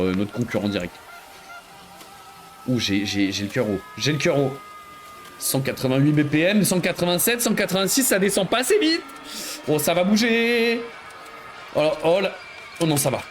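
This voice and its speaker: Excitable high-voiced man streaming a game. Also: slight background noise. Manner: excitable, exclaiming and joking. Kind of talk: live gameplay commentary.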